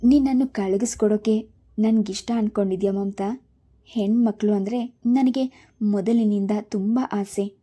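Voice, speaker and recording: A woman's voice: mid-range voice, dark tone, natural voice. A woman voicing a caring older mother-in-law who soothes and coaxes in a story reading. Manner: soothing, coaxing.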